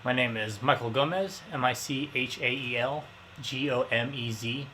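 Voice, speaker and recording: A man in his thirties answers interview questions in a loose, casual way. His voice is bright, with faint ambience in the background. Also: mid-range voice, normal speed, slight background noise. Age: 30s. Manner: casual, loose phrasing with fillers. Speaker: interviewee, grocery store worker.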